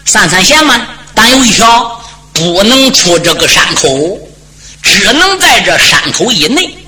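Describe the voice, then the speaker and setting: A man's voice: sits high, sing-song, a little slow, noisy background. A male storyteller voicing a stern, mocking general who guards a mountain pass, lecturing and taunting.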